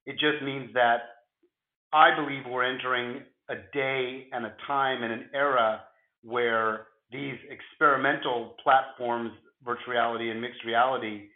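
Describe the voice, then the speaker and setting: A man with a gravelly voice, hoarse from flu, explaining things conversationally as an interview guest in measured phrases. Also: mid-range voice, steady tone, echoey room, narrow, tinny audio. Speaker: interview guest, futurist at a film studio.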